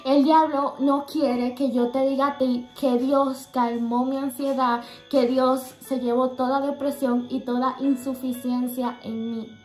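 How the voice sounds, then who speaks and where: High-pitched young woman sharing a faith testimony, earnest and halting, roomy echo. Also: flat delivery, darkish tone, soft background music. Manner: earnest, halting, many fillers and restarts.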